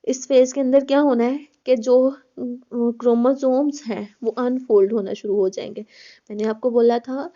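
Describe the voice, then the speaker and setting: A woman's voice: a little high, fairly even intonation, moderate pace, dark tone. Woman lecturing, dull lo-fi recording. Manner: explains step by step, addresses students as children, repeats words. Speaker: college biology lecturer.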